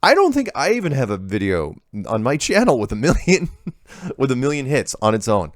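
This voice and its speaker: A man's voice: medium pitch, wildly swooping pitch, a little fast, dry recording, clean studio sound. A middle-aged man hosting a show, reading viewer emails aloud and commenting on them in an easygoing, offhand way.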